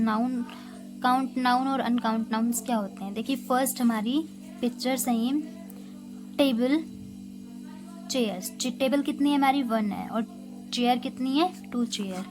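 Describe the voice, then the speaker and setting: A woman's voice: on the high side, slow pace, rough recording. A woman English teacher with an Indian accent teaching young children, mixing English and Hindi and listing example words one at a time. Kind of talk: recorded class lesson. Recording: music playing behind.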